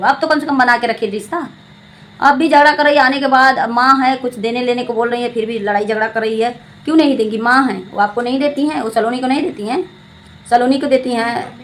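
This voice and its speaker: Woman, fairly high voice, preachy scolding talk, faint background noise. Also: low-quality recording. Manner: scolding, preachy, repeats phrases, addresses viewers as friends. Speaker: vlogger commenting on a family channel. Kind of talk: casual spoken commentary to viewers.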